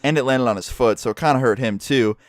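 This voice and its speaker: A man's voice: medium pitch, fast talker, no echo, clean studio sound. A man telling a story in a casual, rambling way, swearing freely as a vlogger. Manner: profane, rambling, animated.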